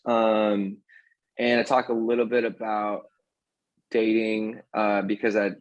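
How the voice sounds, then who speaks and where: Man, comedian guest, from the Philippines, casual interview, rambling, thinking aloud, lowish voice. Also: level tone, slow, highs cut off.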